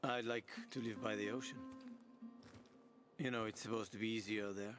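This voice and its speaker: Over game soundtrack music, an actor plays a weary, friendly young man who talks plainly and a bit crudely. His lowish voice is close to an everyday one, with fairly even intonation at normal speed. He sounds earnest, with a friendly, coaxing, slightly crude manner.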